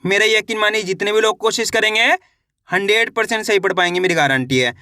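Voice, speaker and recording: A man's voice: sits high, brisk, bright, forceful tone, no room sound, clean studio sound. A man teaching a reading lesson, sounding out each word one syllable at a time and then blending it, in a patient and encouraging way.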